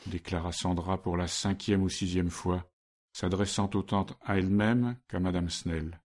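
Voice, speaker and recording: A man narrating a story in a measured, steady way. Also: sits low. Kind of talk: scripted narration.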